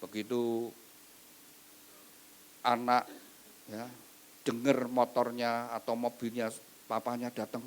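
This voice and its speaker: A man preaching a wedding sermon, swinging between loud emphatic lines and soft asides. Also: mid-range voice, monotone, takes it slowly, long pauses, a little hiss or hum. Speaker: pastor.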